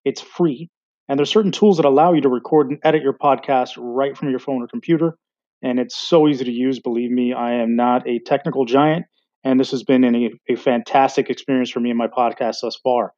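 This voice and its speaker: A man's voice: mid-range voice, steady tone, brisk, mellow, lo-fi sound. A male podcast host with a mid-range voice. He speaks casually and conversationally, with a modest, self-deprecating manner.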